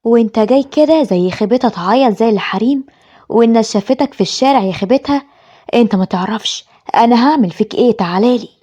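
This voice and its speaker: A woman with an Egyptian accent voicing a cruel, scolding older mother who shouts orders at her son. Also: a little high, fast, close to an everyday voice. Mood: harsh. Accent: Egyptian Arabic.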